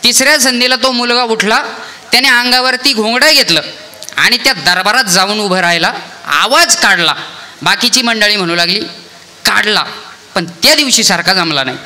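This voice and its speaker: A man's voice: sits high, moderate pace, bright, forceful tone. A young man preaching a devotional sermon, telling a parable and acting out the lines of each person in the story, with calls to the deity between passages. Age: young adult. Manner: tells a parable and acts out each speaker's lines. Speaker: kirtan preacher.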